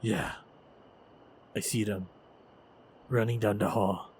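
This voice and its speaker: A voice actor in an audio roleplay plays a steady, protective male fighter guiding a princess through a fantasy action scene. Fairly low-pitched, he addresses the listener in short phrases broken by pauses. The track is noisy and heavy with effects.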